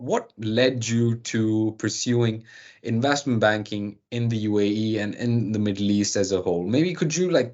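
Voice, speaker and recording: A man's voice: lowish voice, muffled recording. A young adult man hosting an interview, asking questions with many fillers and restarts. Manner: hesitant, filler-heavy questions. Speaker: host.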